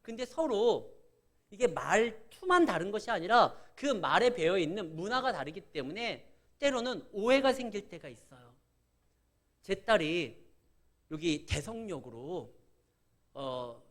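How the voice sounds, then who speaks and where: A middle-aged man preaches a sermon with a Chungcheong Korean accent. His voice sits high and leaps up and down as he acts out the people in his stories. He tells them with animated, conversational energy. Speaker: pastor.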